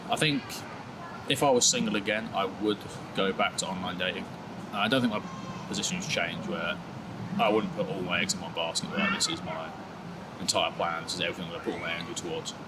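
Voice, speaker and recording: He's in his twenties, speaking in a low, fairly even voice at a fairly quick clip against heavy background noise. The interview feels like a candid casual chat: easygoing, self-deprecating, and packed with "sort of" and "like."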